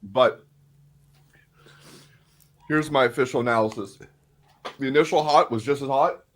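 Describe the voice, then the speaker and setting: A man's voice: mid-range voice, measured pace, slight background noise. A man co-hosting a casual livestream, his mouth burning after eating a hot pepper. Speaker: livestream co-host.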